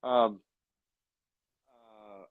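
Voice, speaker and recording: Speaking extremely slowly, this late-thirties man co-hosts a beer hangout show, rambling through casual chat and repeating phrases to stress his points. The sound is narrow and tinny, without echo.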